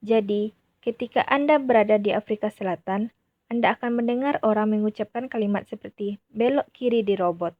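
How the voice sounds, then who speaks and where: A woman reading a translated voice-over in a steady manner. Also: medium pitch, fairly quick, no echo. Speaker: voice-over interpreter. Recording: dull, dry lo-fi recording.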